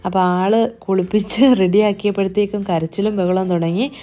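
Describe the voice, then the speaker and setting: A homemaker narrates her daily routine over the footage, talking to viewers in a chatty, friendly way. Her voice is mellow and warm, at an ordinary middle pitch. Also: fairly even intonation, a little fast. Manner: chatty, friendly, often adds a conversational tag to sentences. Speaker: homemaker vlogger. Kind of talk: narrated day-in-the-life voice-over.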